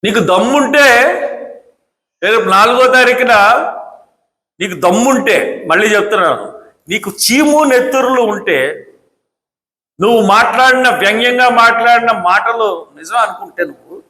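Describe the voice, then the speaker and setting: Combative male political speaker, high forceful voice, long reverb. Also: normal speed, long pauses. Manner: combative, scolding, repetitive rhetorical questions. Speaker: political commentator. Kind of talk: angry political speech. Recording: echoey hall.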